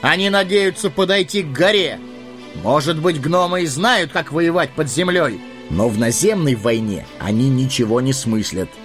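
A man's voice: on the high side, animated, moderate pace, fairly bright tone, faint music behind, voice pushed up. A man voicing a bold, scornful human war leader who talks in a mocking, commanding way.

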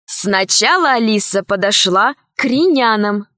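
A woman narrating a children's storybook in a clear, even storytelling manner. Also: mid-range voice, measured pace, no echo, clean studio sound.

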